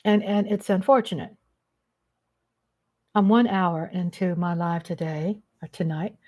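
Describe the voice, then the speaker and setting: A woman's voice: fairly low pitch, fairly even intonation, unhurried, mellow. Blunt, emphatic woman vlogger. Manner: blunt and emphatic, with casual swearing. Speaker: live-stream vlog host. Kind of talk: unscripted live commentary.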